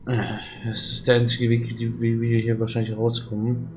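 A man doing casual let's play commentary, reading game text aloud and thinking out loud. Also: mid-range voice, completely flat delivery, moderate pace, a little hiss or hum. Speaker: let's player, channel host.

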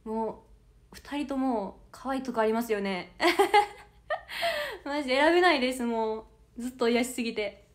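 A 21-year-old idol audition candidate from the Kansai region of Japan, judging by her accent, chats on a livestream and reads viewer comments aloud at a normal speed. Her high voice swings widely in pitch, and her manner is bubbly and giggly, full of laughter.

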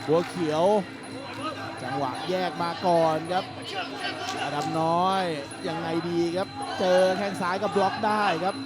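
A man giving excited play-by-play boxing commentary on Muay Thai, punctuated with exclamations. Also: sits high, measured pace. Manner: exclaims while calling play-by-play. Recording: loud music over the commentary.

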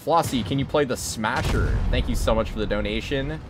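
A man's voice: mid-range voice, a little fast, music in the background. A male game streamer chatting casually on a live stream, his voice strained and tired, laughing and answering chat in slangy talk.

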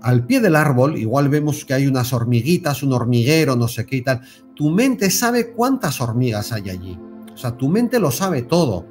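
Animated Spanish man over soft music. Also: medium pitch. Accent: Spain Spanish. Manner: animated, repeats words and stresses with tag questions. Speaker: self-help video host. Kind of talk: motivational spiritual talk to camera.

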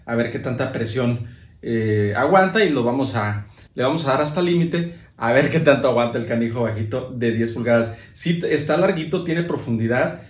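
Mexican guy casually showing a speaker box, mid pitch, lots of um and restarts, laid back. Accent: Mexican Spanish. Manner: relaxed, chatty, many fillers and restarts while handling gear. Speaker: sound equipment vlogger. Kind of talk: casual product show-and-tell.

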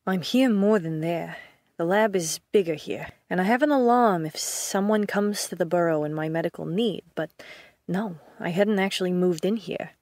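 A woman's voice: fairly low pitch, moderate pace, a little mellow, dry recording, lightly acted. A woman voicing a curt, brooding scientist. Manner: curt, bitter, self-doubting. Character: Sam, a brooding injured scientist. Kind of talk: audio drama acting.

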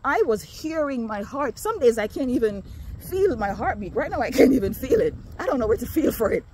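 Strolling outdoors on a neighborhood street, a vlogger from Jamaica chats casually to viewers on her phone, a little out of breath. Her voice is on the high side, very animated and brisk, and there's background noise.

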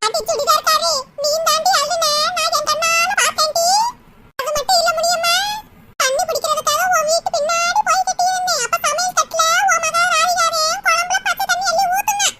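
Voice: very high voice, fairly even intonation, brisk. Gossipy old village woman. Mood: insistent. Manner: insistent, gossipy. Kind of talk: cartoon dub acting. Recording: loud background noise.

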